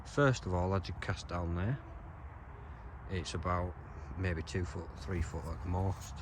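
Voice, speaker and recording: A man, calmly narrating his own fishing session on a riverbank. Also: a little slow, noisy background. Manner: calm and low-key, explaining his fishing spot. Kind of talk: casual outdoor vlog narration. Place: outdoors on a riverbank.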